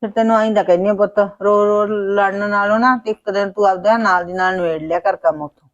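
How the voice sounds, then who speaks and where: A woman with a Punjabi accent plays a calm mother-in-law who gently tries to settle a quarrel. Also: mid-range voice, fast, lo-fi sound, lightly acted. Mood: soothing. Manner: gentle, placating.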